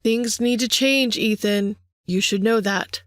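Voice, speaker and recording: A woman's voice: on the high side, measured pace, a bit bright, no echo, clean studio sound. A woman voicing a power-hungry vampire man who taunts his younger brother in a sing-song way. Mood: menacing.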